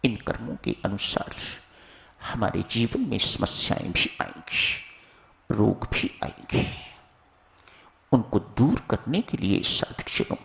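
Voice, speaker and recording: Slow, gravelly male preacher. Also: lowish voice, very animated, highs cut off. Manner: slow, instructive, addresses listeners as seekers. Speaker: spiritual preacher. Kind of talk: sermon.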